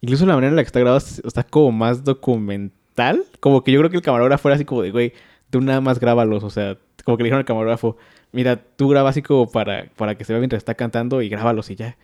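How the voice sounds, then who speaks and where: Young man, Mexican Spanish accent, quick slangy casual chat. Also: mid-range voice. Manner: fast, slangy, animated retelling.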